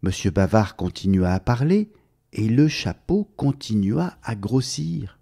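A man tells a children's story at an unhurried pace, his pitch rising and falling expressively. His tone is warm and mellow, and he speaks gently to the young listener, drawing them into the tale. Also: expressive, gravelly, husky.

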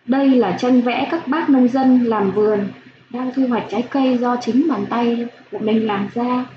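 A woman primary school teacher giving a slow phonics lesson for young children, spelling out sounds clearly with gentle instructions. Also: a little high, fairly even intonation. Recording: echoey room, dull lo-fi sound, faint hiss.

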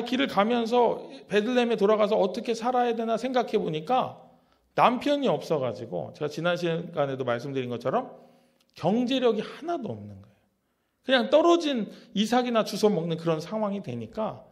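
Brief: male pastor, chatty sermon full of questions, animated pitch, slightly high voice. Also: gravelly. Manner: conversational, many rhetorical questions.

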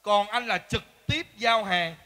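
A man's voice: sits high, measured pace, pushed and bright. A man with a Southern Vietnamese accent, playing an indignant, complaining neighbor in a comedy sketch.

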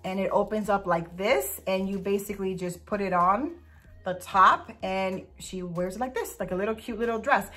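A woman's voice: mid-range voice, moderate pace, sharp tone. A young woman chatting casually in a vlog as she shows off dog clothes, gushing and sometimes cooing. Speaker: vlogger showing dog clothes. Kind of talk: casual product review vlog.

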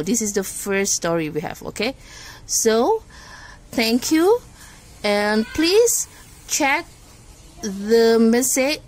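A woman teacher, reading a picture book aloud to children in English, expressive and patient, with gasps and asides. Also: a little high.

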